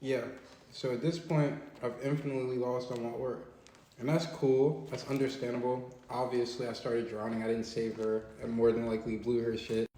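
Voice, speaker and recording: A young man telling a personal story in casual, slangy, animated conversation. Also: mid-range voice, moderate pace, reverberant, slight background noise, low-quality recording.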